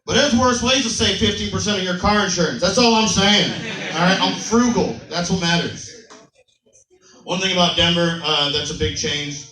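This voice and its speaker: A young man works a comedy club crowd with brash, profane storytelling. His voice sits high and sounds bright and sharp. The room is echoey and he is a little distant from the mic. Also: normal speed. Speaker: stand-up comedian. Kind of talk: stand-up comedy set.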